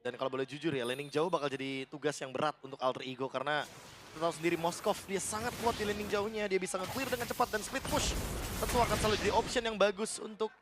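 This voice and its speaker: A man's voice: high voice, fast, noisy background. A man explaining plays in live analytical esports commentary. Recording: music behind the voice. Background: music.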